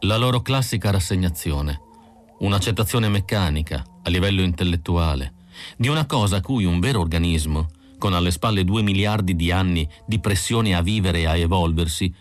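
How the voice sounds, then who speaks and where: Deep-voiced male audiobook narrator. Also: normal speed. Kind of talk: scripted narration.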